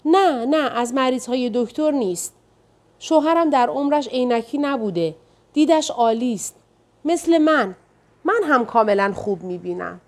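Woman reader as a frantic young wife, pitched up high, rapid pleading questions. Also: lively intonation. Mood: urgent. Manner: anxious and insistent, firing quick questions.

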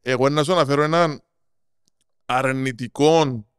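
A man with a Cypriot Greek accent explaining things in casual interview talk, halting and repeating words as he goes. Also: mid-range voice, steady tone, fairly bright tone, clean tone, dry recording, studio quality. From Cyprus. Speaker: podcast guest, marketing strategist.

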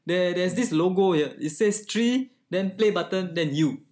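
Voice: mid-range voice, normal speed, darkish tone. A podcast co-host with a Singaporean accent chatting casually in Singlish, with clipped grammar and sentence-ending particles like lah and ah. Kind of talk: casual bantering chat.

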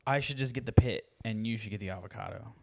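A man's voice: fairly low pitch, fast talker, creaky, a little mellow. Male podcast co-host, laid-back dry humor, casual cursing. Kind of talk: casual chat.

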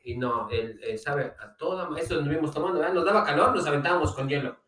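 This man speaks with a Mexico City accent, pitched a touch high, and drifts easily into laughter and casual swearing as he tells stories. He sits back from the mic in a roomy, echoey space. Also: quick pace, a bit bright, a little hiss or hum. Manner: laughs while telling anecdotes, swears casually. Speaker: podcast co-host. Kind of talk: casual chat. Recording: echoey room, distant from mic.

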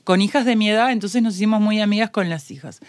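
A woman's voice: mid-range voice, quick pace, no room sound, studio quality. A Uruguayan woman on a podcast, telling a story in casual chat and acting out the quoted dialogue. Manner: animated, acts out quoted dialogue.

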